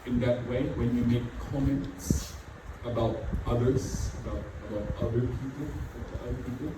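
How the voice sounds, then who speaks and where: Here a middle-aged pastor, a non-native English speaker, preaches at a moderate pace with a steady tone and medium pitch, repeating phrases and saying "you know" a lot. The church hall recording is very echoey, far from the mic, and has background noise.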